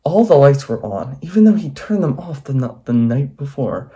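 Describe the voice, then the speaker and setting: A man's voice: mid-range voice, big pitch swings, normal speed, dark tone. Wry man reading his own old story. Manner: wry, self-mocking asides. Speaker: host reading his old fan fiction. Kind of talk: comedic reading with commentary.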